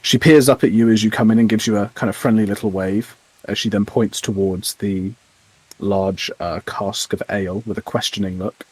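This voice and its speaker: A man with a husky, lowish voice narrating as game master, pausing on fillers as he describes each scene. His delivery is unhurried and descriptive. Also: steady tone, a little mellow, dry recording, rough recording.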